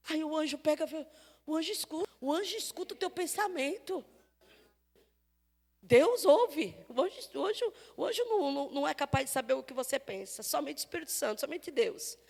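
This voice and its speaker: A woman with a Brazilian Portuguese accent preaching a sermon at a church, telling the story lively and acting out the dialogue, swinging from loud to soft. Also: sits high, moderate pace, vocal fry, in a large hall.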